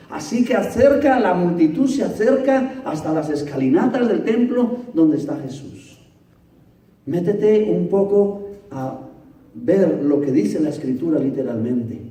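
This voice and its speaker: A male pastor preaching a sermon, telling the story dramatically and swinging between loud bursts and hushed, near-whispered passages. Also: a little high, sing-song, measured pace, roomy sound, distant mic. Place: church.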